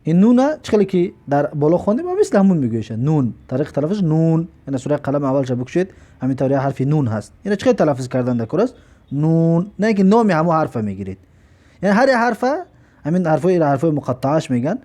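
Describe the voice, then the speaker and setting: A man with a Tajik accent leads an alphabet lesson in a high, mellow voice. He explains each point patiently and stretches letter names out slowly when he models how they sound. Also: very animated. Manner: patient, repeats letters and drawls them out slowly. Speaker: Arabic reading teacher.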